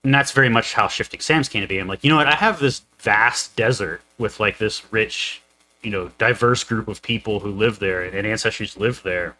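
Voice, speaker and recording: A man's voice: fairly low pitch, normal speed, sharp tone, low-quality recording. A young man co-hosting a casual podcast chat, rambling with lots of fillers and restarts. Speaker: co-host, game master.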